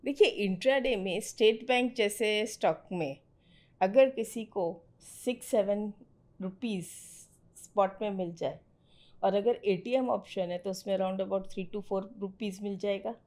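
In a darkish, medium-pitched voice that runs a little slow, a middle-aged mentor teaches a student about trading. She talks in a firm, direct, conversational way, mixing in English phrases.

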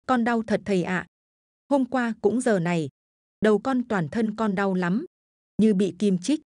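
A woman's voice: mid-range voice, a little slow, darkish tone, no echo, studio quality, close to an everyday voice. Brief: young wife in pain, strained and pleading, read by a woman narrator.

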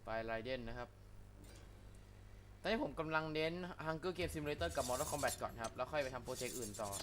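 A young man, a gaming YouTuber, doing excitable let's play commentary, with loud exclamations, crude slang and yelps at every hit. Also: medium pitch, normal speed, noisy background. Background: game music.

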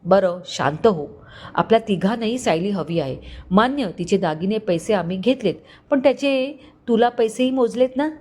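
A woman voicing a scheming middle-aged uncle who stays calm and calculating in a spoken story. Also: medium pitch, normal speed, natural voice. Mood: coolly scheming. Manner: calm, controlling.

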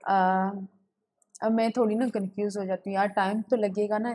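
A woman's voice: mid-range voice, flat delivery, moderate pace, darkish tone. A young woman, chatting casually on a live gaming stream from home, giggling and greeting viewers. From Pakistan. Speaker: gaming livestreamer. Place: home room with a ring light. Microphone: webcam setup.

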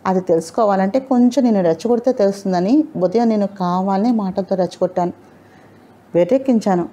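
A woman's voice: medium pitch, quick pace, dark tone, lightly acted. A woman narrator voicing a playful, spirited young woman in love who teases and speaks from the heart. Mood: heartfelt. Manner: teasing, then openly heartfelt.

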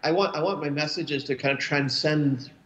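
A man's voice: a little high, normal speed, fairly bright tone, lo-fi sound. Rambling man on a roomy video call. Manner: rambling, many restarts and fillers. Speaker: cartoonist guest. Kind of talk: casual interview over video call. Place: home room, indoors. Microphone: webcam video call.

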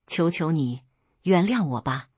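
A woman's voice: sits low, expressive, unhurried, darkish tone, husky, no room sound, muffled recording, full character voice. A woman voicing a begging, desperate husband. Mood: pleading. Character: pleading adult husband caught lying.

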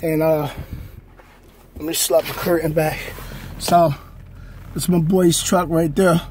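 Filmed on a phone propped on a stand close by, this man in his thirties drives a truck and chats relaxed and unhurried with his audience while demonstrating a bunk workout in the sleeper cab. His voice is slightly high, with a faint hiss or hum in the audio.

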